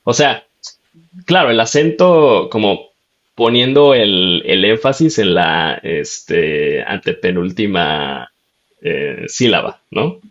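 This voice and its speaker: Guy hosting a chill interview, lowish voice, agreeable and easygoing, kinda muffled audio. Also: takes it slowly. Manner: relaxed, agreeable, tells anecdotes. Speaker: podcast host. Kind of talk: conversational interview.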